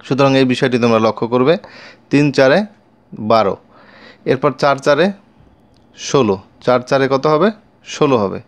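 A man's voice: mid-range voice, moderate pace, long pauses. A Bengali-accented man teaching young children their times tables, repeating each line twice and asking the class questions. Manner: addresses pupils directly with questions. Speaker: math teacher.

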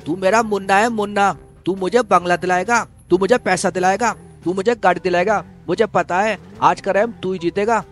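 A man voicing a loud, excited male cartoon character who cheers on his buddy in a game video. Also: normal speed, hardly any pauses, faint music behind, lightly acted. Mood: doting. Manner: shrill, hyped, doting.

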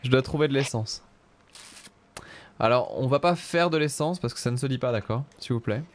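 A man's voice: mid-range voice, moderate pace. A man giving casual, joking gameplay commentary, exclaiming often and addressing his viewers. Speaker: gamer presenting gameplay.

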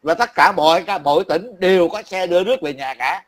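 High-voiced angry ranting man. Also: brisk. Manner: angry, profane, repetitive ranting; worn-out, grumbling. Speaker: livestream commentator. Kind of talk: heated political rant.

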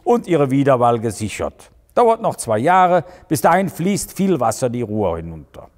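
A man's voice: mid-range voice, sing-song, normal speed, a little mellow, big-room sound, natural voice. A man voicing a stern, pushy male district administrator who gives orders and lectures. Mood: commanding. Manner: commanding, lecturing.

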